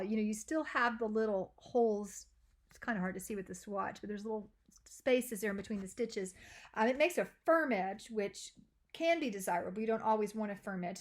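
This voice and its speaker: A woman casually introducing a knitting lesson, chatty and self-deprecating, with many fillers. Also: mid-range voice. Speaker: knitting teacher.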